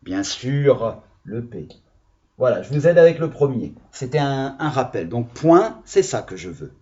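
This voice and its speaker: Slow, lively husky male teacher. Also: medium pitch, highs cut off. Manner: patient, expressive explaining to children. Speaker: primary school teacher. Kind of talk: video reading lesson for children.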